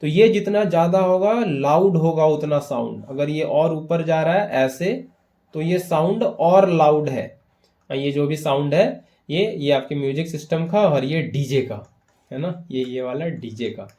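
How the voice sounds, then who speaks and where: A man's voice: a little high, measured pace, dark tone. A man teaching a physics lesson for exam prep, explaining step by step in Hindi mixed with English terms and checking in often with his students.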